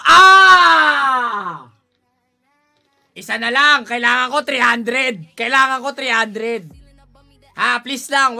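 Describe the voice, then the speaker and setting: A man giving casual gaming commentary, excitable, pleading and shouting at the game as he plays. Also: very high-pitched. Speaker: gaming streamer.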